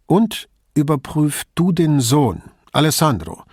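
A man reading an audiobook, voicing a firm, dryly ironic male police commissioner giving brisk instructions. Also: a little high, sing-song, a little mellow, husky, dry recording, studio quality, voice pushed up, full character voice.

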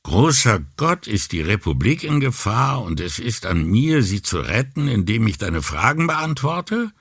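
Guy doing a teasing journalist on speakerphone, playful, jumpy pitch, dry close sound. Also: big pitch swings, a little slow, fairly bright tone, breathy edge, dry recording, exaggerated voice. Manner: playful, mock-serious. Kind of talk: audiobook character voice.

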